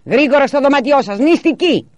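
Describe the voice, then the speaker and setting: Man playing a stern hot-tempered father, shouting, raised pitch, gravelly. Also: sing-song, dry recording, dull audio. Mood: furious.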